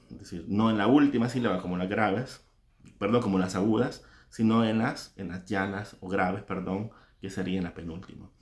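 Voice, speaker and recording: A male songwriter and singer, reflecting casually and explaining his lyric-writing step by step. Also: fairly low pitch. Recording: echoey room.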